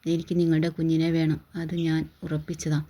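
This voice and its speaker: A storyteller reading the lines of a stubborn young wife in a storybook, in an even, unchanging reading voice. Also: medium pitch, normal speed, lightly acted. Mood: insistent. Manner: stubborn, insistent. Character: determined young wife desperate for a child.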